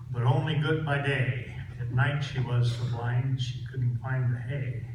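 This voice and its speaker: Distant, echoing male cowboy twang, slow storyteller. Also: medium pitch. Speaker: cowboy poet. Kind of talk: live cowboy poetry recitation. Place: echoey room, live event. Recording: echoey hall from far off, loud noise.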